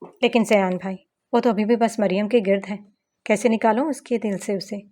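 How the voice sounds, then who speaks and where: A woman reading an audiobook novel, voicing a shy young woman in love who speaks softly and hesitantly. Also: mid-range voice, fairly even intonation, normal speed, natural voice. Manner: soft, hesitant.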